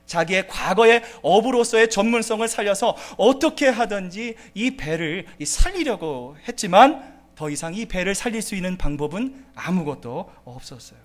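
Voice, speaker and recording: A man with a very high voice preaching a sermon in a church. He swings between hushed asides and loud, pleading outbursts, often calling out to his congregation. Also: animated, normal speed. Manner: dramatic preaching, acts out pleading voices, frequent "여러분" and "자". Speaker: pastor.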